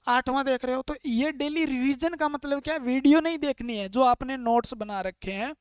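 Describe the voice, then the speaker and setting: A man from India teaching an online exam-prep class, firing questions at his students and answering them himself. His voice is smooth and clear. The sound is close and dry, with no room echo. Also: extremely high pitch, normal speed. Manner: drilling, asks questions and answers them himself, repeats points; earnest, coaxing tone with students. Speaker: trade theory teacher.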